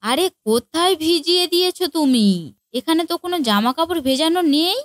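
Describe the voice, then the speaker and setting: In a comic cartoon, a woman voices an exasperated, middle-aged mother-in-law prone to scolding. The delivery is high-pitched, expressive, brisk and impatient, recorded close and dry with no room sound.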